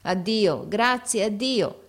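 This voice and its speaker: A woman's voice: medium pitch, animated, takes it slowly, pitched above the performer's own voice. A woman voicing an old retired male schoolteacher, speaking with sorrow and tenderness in a storybook reading. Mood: tearful farewell. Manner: sorrowful, pleading.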